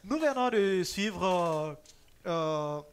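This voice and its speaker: A talk-show host presenting the program and quiz in a measured, announcer-like way with small hesitations. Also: medium pitch, expressive, smooth.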